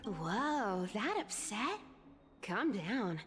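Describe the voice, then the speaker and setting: A woman's voice: medium pitch, big pitch swings, very slow, in a large hall, faint music behind. A woman voicing a sly, teasing young female thief with a cat-like, playful manner in a video game.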